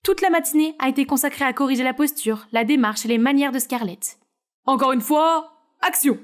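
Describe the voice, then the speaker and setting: A woman narrates a short drama story in a high voice. Her delivery is smooth and even, as scripted storytelling. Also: fast.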